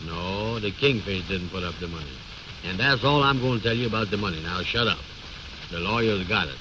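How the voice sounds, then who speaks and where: A man's voice: sits low, brisk, close to an everyday voice. An actor playing a bossy, self-important man who blusters in folksy ungrammatical speech, in old radio comedy style. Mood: bossy, evasive. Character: pompous, bossy, know-it-all man bluffing his friend. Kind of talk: 1930s-40s radio comedy acting. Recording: muffled, noisy old radio recording.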